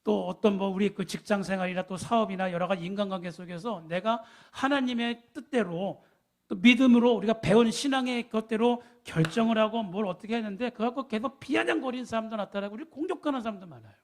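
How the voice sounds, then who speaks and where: A man's voice: high voice, fast talker. A man preaching a sermon, emphatic, asking the congregation rhetorical questions. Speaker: pastor.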